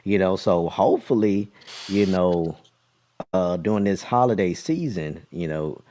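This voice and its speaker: A man's voice: sits low, measured pace, mellow, slight background noise. A man co-hosting a casual talk show, speaking in an easygoing, conversational way. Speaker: podcast co-host. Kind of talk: casual chat.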